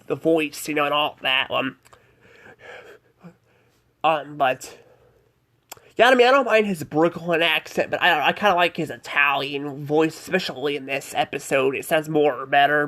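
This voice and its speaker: A man's voice: fairly high pitch, unhurried, pauses often, fairly bright tone. A man giving a casual spoken review of a cartoon episode, rambling and hesitant, filling gaps with "like" and "I don't know".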